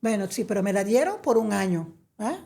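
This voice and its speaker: A woman's voice: mid-range voice, expressive, brisk, vocal fry, mellow. A middle-aged woman from Venezuela, telling her story as a guest in a chatty interview, with many fillers. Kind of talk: conversational interview.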